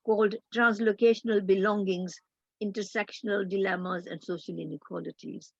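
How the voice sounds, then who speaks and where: An older woman, a guest academic in a roundtable discussion, speaking in a measured, thoughtful way with frequent pauses. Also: mid-range voice, slightly rough, no echo, dull audio.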